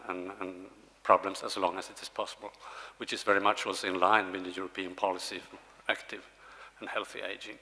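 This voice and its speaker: A man from Sweden presenting a health initiative at a conference, in an earnest, deliberate way. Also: lowish voice, sharp tone. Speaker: project initiative leader. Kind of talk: conference pitch and answers. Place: conference hall with audience. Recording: reverberant conference hall.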